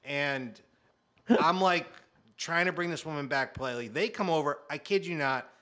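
A man in his thirties telling a comic story in a casual chat, animated and acting out quotes, with muttered asides. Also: on the high side, normal speed. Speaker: guest storyteller.

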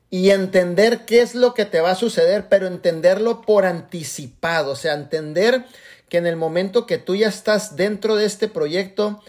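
A man in his forties giving an animated motivational talk to his team over a video call, blessing his listeners. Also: sits high. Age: 40s. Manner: animated, acts out quoted voices, blesses listeners. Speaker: motivational business speaker.

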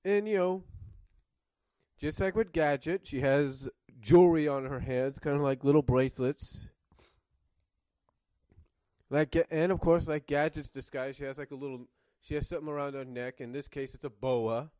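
A man's voice: on the high side, fairly even intonation, normal speed, dark tone, dry recording. A man reviewing cartoons in casual commentary, rambling and circling back to rephrase, coughing now and then with a cough drop in his mouth.

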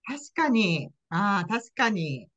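A woman's voice: medium pitch, big pitch swings, takes it slowly, a bit bright, dull audio. A woman hosting a podcast interview in casual chat, often nodding along with short agreements and laughing. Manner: frequent nodding backchannels and laughter. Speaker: podcast host, ICU nurse.

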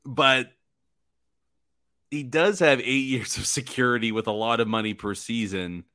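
A man co-hosting a sports podcast, with a bright, forceful tone and a teasing streak. He laughs easily and often stops and restarts mid-sentence. His pitch stays in a plain middle range. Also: a little slow. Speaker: podcast co-host. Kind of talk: casual sports chat.

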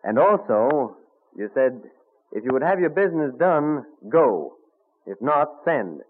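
An actor in an old radio drama plays an eager young colonial tradesman, his medium-pitched voice very animated, unhurried and slightly rough. He sounds polite, deferential and enthusiastic, full of admiration, and the recording is tinny and narrow-band like vintage radio.

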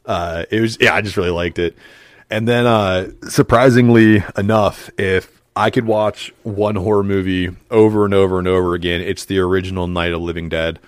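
A man's voice: low voice, fairly even intonation, normal speed, no echo. A man hosting a casual podcast chat, talking animatedly with frequent fillers and laughs. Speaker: podcast host.

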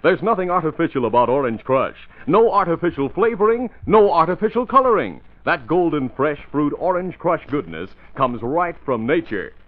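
A man's voice: on the high side, sing-song, moderate pace, hardly any pauses. A man delivering a chipper 1950s radio advertisement, folksy and emphatic, as if selling to youngsters. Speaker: radio announcer and pitchman. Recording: old radio broadcast, thin narrow band.

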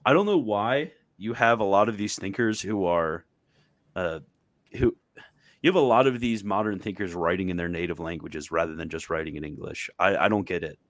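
A man's voice: sits low, moderate pace, no room sound. A man hosting a casual livestream chat on a video call, thinking aloud with frequent restarts. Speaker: host.

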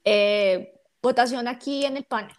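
A woman's voice: fairly high pitch, a little slow. A woman from Colombia with a Colombian Spanish accent, chatting playfully as a guest on a podcast panel. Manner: playful, giggly. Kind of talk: casual panel chat.

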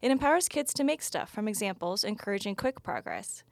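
A woman hosts a startup podcast, reading the intro and then interviewing a guest in an upbeat, easygoing way, laughing readily. Her mid-range voice is gravelly and brisk, with big pitch swings, and there's no echo.

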